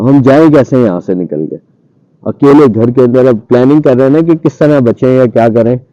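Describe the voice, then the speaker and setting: Guy with ish telling a spooky story from his past, dark mellow voice, dry muffled sound. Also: mid-range voice, a little slow, long pauses, no room sound. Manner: animated retelling, acting out his own past lines. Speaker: storyteller guest. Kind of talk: casual spoken ghost story. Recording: dull muffled radio-style audio.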